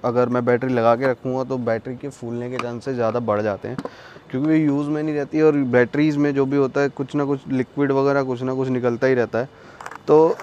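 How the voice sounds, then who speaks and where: Outdoors on a terrace and courtyard, a young adult man gives a casual, conversational product review, explaining things and slipping in English words. His medium-pitched voice is a little mellow, with slight hiss or hum.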